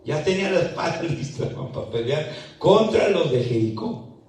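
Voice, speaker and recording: Delivering a sermon in an echoey church hall, this high-voiced, expressive pastor stands well back from the microphone. His reading is slow and emphatic, and he leans hard into the scripture he retells, frequently building up to shouting.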